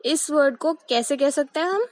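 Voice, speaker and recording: A young woman teaching English pronunciation in a mix of Hindi and English, repeating each word and reading example sentences slowly and deliberately. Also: sits high, lively intonation, poor audio. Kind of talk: explanatory lesson mixing Hindi and English.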